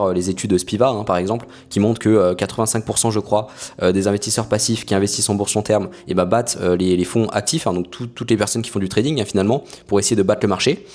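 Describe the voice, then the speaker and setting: Young male YouTuber, fast and hesitant, explaining casually to camera. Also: fairly low pitch, darkish tone. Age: young adult. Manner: frequent hesitations with many "euh" fillers. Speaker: finance YouTuber.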